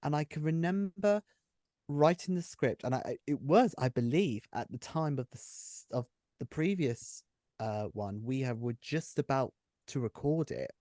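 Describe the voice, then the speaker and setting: In a casual behind-the-scenes chat, the writer and runner of an audio drama speaks effusively and tends to repeat himself. He has a warm, medium-pitched voice with lively intonation at normal speed, recorded in studio quality without echo.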